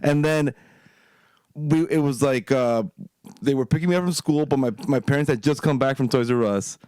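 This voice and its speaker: A man co-hosting a casual podcast, telling stories with lots of swearing and laughter. His pitch sits at an ordinary middle height. The sound is dry and close, with no room around it. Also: normal speed, darkish tone, clear, resonant tone, dry recording. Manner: profane, laughing storyteller. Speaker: podcast co-host.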